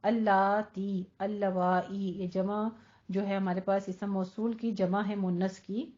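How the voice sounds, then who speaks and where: A woman teaching Quran recitation rules in a tajweed lesson, explaining slowly and drilling words over and over. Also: mid-range voice, little pitch movement, mellow, muffled recording. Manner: slow, instructive, drills words repeatedly.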